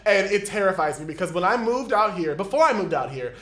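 A young man vlogger telling an exasperated, animated storytime. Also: sits high, fairly quick. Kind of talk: storytime vlog. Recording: echoey room.

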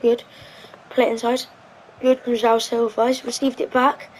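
A woman with a slightly raised pitch talks through her gameplay in a casual, meandering way. She hesitates often, filling gaps with ums. Her voice sits over a faint background hum. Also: level tone, moderate pace, a little mellow, rough recording. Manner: chatty, hesitant, thinking aloud with frequent ums. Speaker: gaming channel host.

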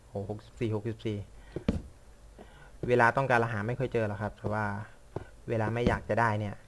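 Speaking briskly in a fairly low, flat voice, a young man vlogs his gameplay in loose, rambling chatter. He makes fun of himself and grumbles at what unfolds on screen, with noise in the background.

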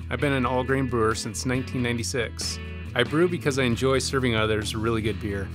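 Guy in his 40s doing steady scripted voice-over, mid pitch, guitar music under it. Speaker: home brewer.

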